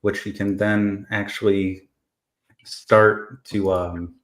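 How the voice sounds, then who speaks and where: A man taking part as a panelist in a casual livestream chat, explaining things in a relaxed way with small fillers. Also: lowish voice, takes it slowly.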